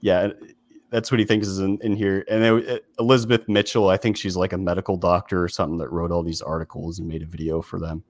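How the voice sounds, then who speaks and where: A man's voice: sits low, little pitch movement, fast talker, few pauses, no room sound, studio quality. A man hosting a video essay in casual commentary, talking informally with lots of fillers and restarts.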